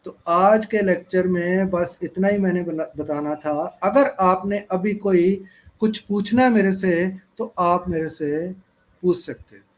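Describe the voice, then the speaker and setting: A man teaching English in an online class, speaking slowly and spelling out words letter by letter. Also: high-pitched. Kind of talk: online class lecture mixing Hindi and English.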